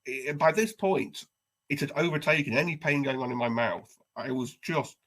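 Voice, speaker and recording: A man co-hosting a podcast, telling a story in a wry, self-deprecating, animated way. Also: medium pitch, moderate pace. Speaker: podcast co-host. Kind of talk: casual storytelling chat.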